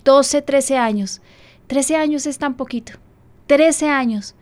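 High-voiced woman pastor. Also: darkish tone. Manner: heartfelt, confessional, slows down for emphasis. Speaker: pastor and radio show host.

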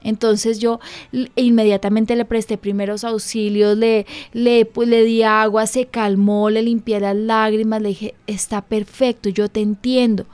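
Earnest woman pastor, bright voice. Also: on the high side, level tone, unhurried, clean tone, no room sound. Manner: earnest, emphatic, acts out dialogue with her child. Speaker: pastor and radio program host. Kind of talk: conversational parenting advice talk.

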